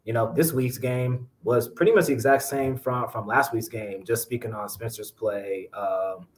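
A young man, a sports reporter, giving measured postgame analysis on a podcast over a video call. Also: mid-range voice, poor audio. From Georgia, US. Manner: measured, explanatory, steady. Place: small indoor room. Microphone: webcam on a video call.

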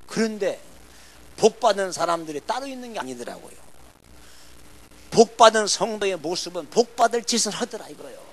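A man's voice: high-pitched, very animated, moderate pace, pauses often, fairly bright tone. An older man preaching a revival sermon, telling a story in a folksy way and acting out the people he quotes. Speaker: revival pastor. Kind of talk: sermon testimony with acted dialogue.

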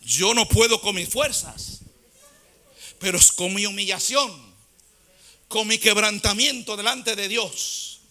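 A man delivers a passionate sermon, his voice pitched high and strikingly bright. He shifts between plain exhortation and a chanting, sung rhythm as he preaches. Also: slow, long pauses. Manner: fervent preaching, chanting in a sung cadence at times. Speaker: pastor.

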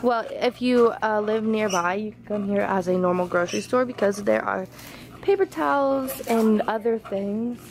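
A woman's voice: mid-range voice, normal speed, creaky. A young woman vlogging casually in a large supermarket on a handheld camera, chatty and easily grossed out. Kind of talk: casual vlog chat.

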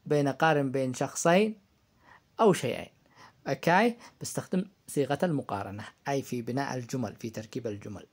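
A man's voice: medium pitch, fast. Man teaching English grammar. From Yemen. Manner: asks the class questions and answers them himself; repeats key terms for emphasis. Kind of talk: grammar lesson for high-school students.

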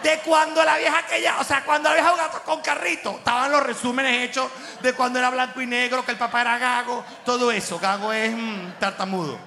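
Bright-voiced comic, echoey hall. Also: male voice, very high-pitched, fairly quick, vocal fry, hardly any pauses. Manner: animated, slangy, mocking, laughing through jokes. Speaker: comedian host. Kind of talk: stand-up style comic monologue. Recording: echoey room with long reverb.

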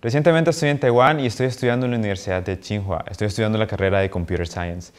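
A man's voice: lowish voice, rapid-fire, smooth. A young man from Honduras, an international university student giving an earnest, friendly testimonial to camera in a small office. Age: young adult. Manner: earnest, friendly, animated with hand gestures. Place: small bright office indoors.

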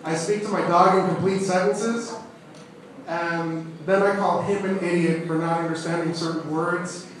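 A man's voice: high voice, steady tone, moderate pace, slight background noise. A young man from California doing amateur stand-up comedy at an open mic, nervous with stage fright and hesitant as he starts his bits. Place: small comedy club room with seated audience. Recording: echoey club room, distant phone recording.

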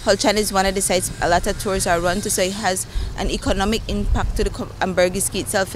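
A woman gives an explanatory interview in a medium-pitched voice. She is measured and a little halting, speaking outdoors into a handheld mic over faint engine-like noise. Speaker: marine reserve manager being interviewed. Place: outdoors by open water. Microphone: handheld interview microphone.

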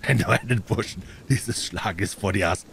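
A shrewd detective speaks calmly and kindly in a low, hushed voice, as a male audiobook reader plays him. He sounds measured and sure of himself throughout. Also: gravelly, a little hiss or hum. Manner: calm, friendly, measured.

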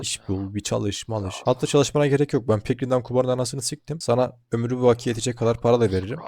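Fast-talking man with a dark voice. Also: mid-range voice, no room sound, studio quality. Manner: chatty, talks to viewers, swears freely. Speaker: gaming channel host. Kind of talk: casual let's-play commentary.

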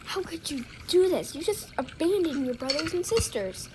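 A woman voicing an upset mother who loudly scolds her children. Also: high-pitched, very animated, moderate pace, background noise. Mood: scolding. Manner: loud, scolding, indignant.

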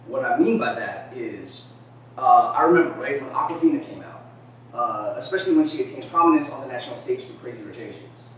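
A man in his thirties gives an informal lecture presentation at a talk event, set in a gallery-like room with a screen. His mid-range voice is animated, fairly quick and fairly bright, peppered with "right?" and fillers as he talks conversationally. The sound is echoey and far-miked, with slight background noise.

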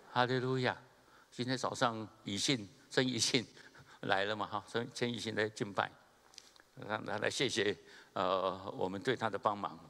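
A man, a pastor preaching a sermon and telling stories in an animated way, chuckling and acting out the people he quotes. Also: medium pitch. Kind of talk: sermon with humorous storytelling. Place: church sanctuary during a Sunday service. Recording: long reverb of a church hall.

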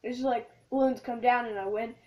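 A woman's voice: a little high, fairly even intonation, fairly quick, darkish tone. A young girl co-hosting a casual jelly bean challenge vlog, squealing dramatic reactions. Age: child. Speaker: co-host vlogger.

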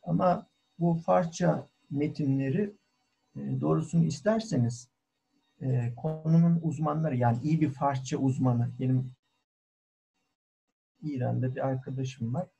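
A man who is a cultural historian giving a formal online talk, deliberate and full of hesitant fillers, heard over call audio. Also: medium pitch, steady tone, vocal fry, mellow, slightly rough, low-quality recording. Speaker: guest lecturer, cultural historian. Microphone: video call.

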